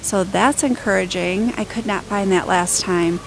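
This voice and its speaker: A woman's voice: medium pitch, measured pace, gravelly, a little hiss or hum, low-quality recording. A woman narrating a casual shopping and cooking vlog in a chatty, upbeat way, thinking aloud as she goes. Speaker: home cook and shopping vlogger.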